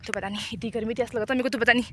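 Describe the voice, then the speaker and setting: Chatty young woman with a high voice. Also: fairly even intonation, racing, fairly bright tone. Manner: chatty and rambling, talks while walking uphill. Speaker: vlogger. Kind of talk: casual walking vlog. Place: outdoors on a hill path through fields.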